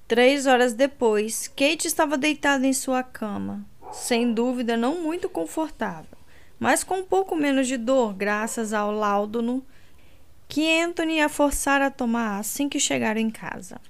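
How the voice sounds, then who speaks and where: A woman's voice: high voice, a little slow. Woman narrating a romance audiobook.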